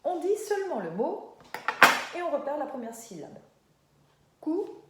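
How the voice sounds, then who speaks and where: A woman teacher leading a lesson for young children, stretching words slowly and praising often. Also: high-pitched, very animated, reverberant, heavy background noise. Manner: slow, drawn-out syllables, encouraging.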